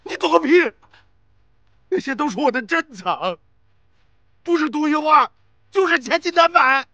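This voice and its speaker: A man's voice: extremely high pitch, expressive, moderate pace, pushed and bright, dry recording, muffled recording, heavily acted. An actor playing a hot-tempered older father of a rich household, ranting and wailing theatrically over his treasured teapots. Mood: scolding. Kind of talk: costume comedy drama acting. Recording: drama soundtrack with score music.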